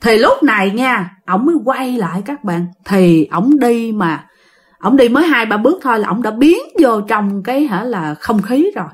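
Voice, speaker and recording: A woman's voice: a little high, moderate pace, husky. A woman telling a ghost story, speaking directly to her listeners. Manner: lively, addresses listeners directly. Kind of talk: spoken ghost story narration.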